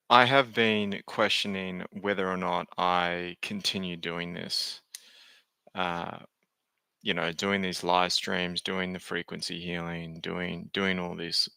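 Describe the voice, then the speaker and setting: A man's voice: low voice, level tone, slow pace, vocal fry, sharp tone, clean tone, no echo. A man talking casually on a live stream, hesitant and candid, often restarting his sentences.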